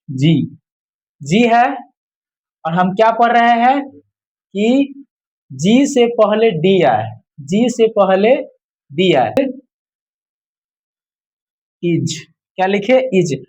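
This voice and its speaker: A man's voice: high-pitched, a little mellow. A man teaching English at a board, repeating each rule and answering his own questions as he coaxes students along. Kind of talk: whiteboard lesson, casual coaching. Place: room with a board. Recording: dull lo-fi recording.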